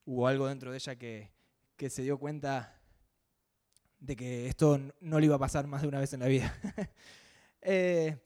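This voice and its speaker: A man with a Rioplatense Spanish accent preaching a sermon in a relaxed, conversational way. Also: mid-range voice, moderate pace, long pauses. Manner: conversational, acts out quoted voices.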